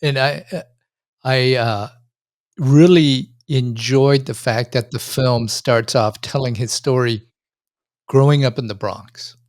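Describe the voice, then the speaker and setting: A man's voice: medium pitch, slow pace, a little mellow, no echo, studio quality. A man, talking casually about film. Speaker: film commentator.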